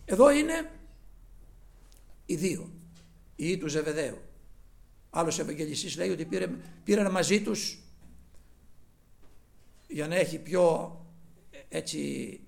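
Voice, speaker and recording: A man preaching a sermon, moving between loud exclaimed passages and low, quiet asides. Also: very animated, gravelly, pauses often.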